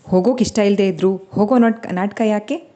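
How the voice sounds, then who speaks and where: A woman's voice: mid-range voice, fairly quick, mellow, muffled recording, lightly acted. A woman voicing a playful, teasing young man about to be married, in a storybook reading.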